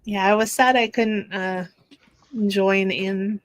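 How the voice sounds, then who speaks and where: Woman host, casual live-sale chat, slow and halting, close dry mic. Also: medium pitch, fairly even intonation, dry recording, rough recording. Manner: unhurried, halting, with many fillers and restarts.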